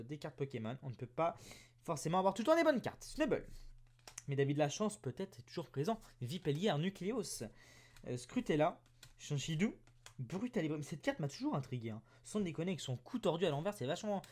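A man doing card pack opening commentary, reading card names aloud in quick lists and breaking into loud cheers. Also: a little high. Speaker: YouTuber.

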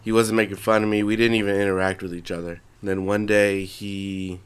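A man's voice: on the low side, level tone, fairly quick, smooth. A young man, congested, co-hosting a podcast in casual, rambling chat full of swearing and restarts. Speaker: podcast co-host.

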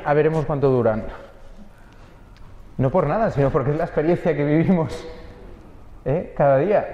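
Priest from preaching earnestly, talks right to you, highish voice, roomy echo. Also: male voice, muffled recording. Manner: earnest, addresses listeners directly. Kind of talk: sermon.

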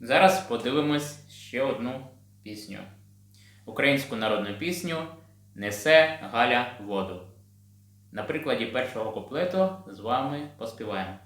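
A man from Ukraine teaching a children's singing lesson on video, patient and gentle. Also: mid-range voice, lively intonation, moderate pace. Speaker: choir teacher. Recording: roomy sound with piano.

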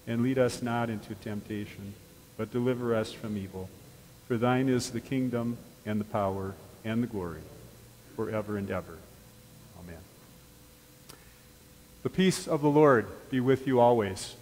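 A male pastor leads a worship service in a calm, measured voice. His words ring out with a long reverb through a large church sanctuary, picked up from a distance. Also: medium pitch, slight background noise. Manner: calm, measured liturgical speech.

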